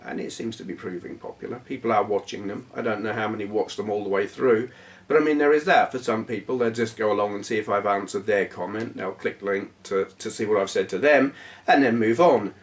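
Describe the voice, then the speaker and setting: A man with a hoarse, failing voice, hosting his gaming channel and rambling casually to camera with plenty of fillers and self-deprecating asides. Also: on the low side, a little fast, far from the mic. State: hoarse, voice going. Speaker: YouTube gaming channel host.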